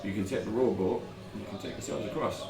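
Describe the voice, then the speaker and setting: A man's voice: fairly low pitch, quick pace, creaky, crowd noise. A man voicing a cautious sea captain for hire in a tabletop game, with a Cockney accent and a colloquial, hesitant manner. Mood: warning. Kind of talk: improvised tabletop role-play. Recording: roomy echo, music underneath.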